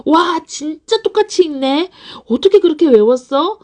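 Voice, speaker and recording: A woman puts on a delighted mother showering her child with over-the-top praise. Her voice jumps high and swings widely as she gushes. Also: animated, normal speed, darkish tone. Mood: gushing praise. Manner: gushing, exaggerated praise.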